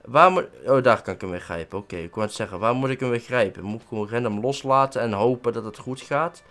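A man with a Dutch accent doing excitable let's-play commentary, swearing and yelping at every mishap. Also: mid-range voice, quick pace. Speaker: gaming let's-play host.

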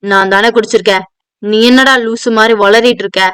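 A woman's voice: mid-range voice, steady tone, fairly quick, fairly bright tone, smooth, no echo, natural voice. A woman voicing a drunk, self-pitying, volatile rich man who slurs and whines. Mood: drunk, whining. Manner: slurred, whining drunk talk.

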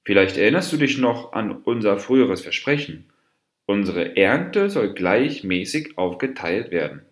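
A man's voice: on the low side, big pitch swings, a little slow. A man voicing a scheming male monkey from a fable, wheedling and mock-friendly in a roomy space. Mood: sly. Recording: roomy echo.

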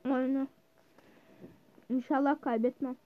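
Gamer woman, high voice, yells at the screen then grumbles, dull home-mic sound. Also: unhurried. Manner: excitable, yells at the game, then mutters complaints. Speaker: gaming channel host. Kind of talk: live gameplay commentary.

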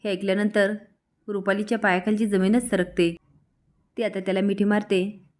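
A woman recapping a TV serial episode, narrating in a steady, plain reading voice. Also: mid-range voice, moderate pace.

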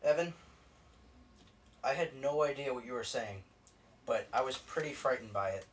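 A young man earnestly running a mock intervention, halting and repeating himself. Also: medium pitch. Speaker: friend leading an intervention. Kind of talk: comedy sketch. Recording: distant mic with faint hiss.

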